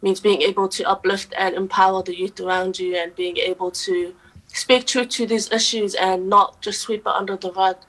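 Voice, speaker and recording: Earnest young New woman, flat delivery. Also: mid-range voice, rough recording. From New Zealand. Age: young adult. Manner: earnest and steady, with frequent "um" pauses. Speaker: guest, poet and youth advocate. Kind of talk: radio interview answers.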